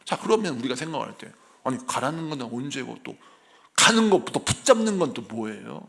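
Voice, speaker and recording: A middle-aged man, a senior pastor, preaching a sermon in an animated storytelling way and acting out the people in his stories. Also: medium pitch, fairly quick, vocal fry.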